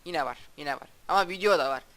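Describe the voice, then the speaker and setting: A young man casually commenting on his own gameplay as a YouTuber, talking in a halting, stumbling way with frequent restarts and a flat, subdued delivery. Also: on the high side. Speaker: gaming YouTuber.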